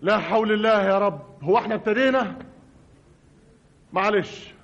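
A man's voice: high-pitched, moderate pace, vocal fry, a bit bright, muffled recording. A man with an Egyptian accent narrating a radio comedy monologue as a frustrated writer, in a mock-formal, exasperated manner. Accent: Egyptian Arabic.

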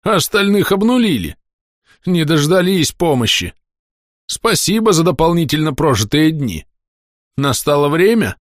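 A man voicing a stern army corporal in an audiobook, his voice raised well above his own and lively in pitch. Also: measured pace, no room sound, clean studio sound. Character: stern male corporal, squad leader. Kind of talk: audiobook character voice.

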